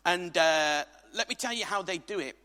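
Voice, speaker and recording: A man's voice: high voice, moderate pace, sharp tone. A man from England preaching a sermon to a congregation, emphatic and jokey, with asides to the crowd. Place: church hall. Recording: reverberant hall.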